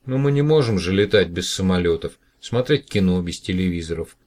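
A man's voice: deep voice, lively intonation, a little fast. A man voicing a friendly young woman who works with computers in an audiobook. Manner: gentle, lightly amused.

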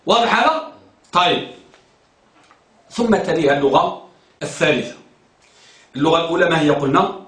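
A man's voice: a little high, expressive, brisk, pauses often, fairly bright tone. A man teaching a grammar class, quizzing students and repeating their answers, recorded in a classroom. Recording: echoey room, distant mic.

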